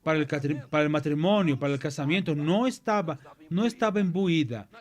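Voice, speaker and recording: A man's voice: a little high, brisk, soft background music. A man preaching a sermon to a Bible class. He retells the story with many repetitions and restarts. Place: church.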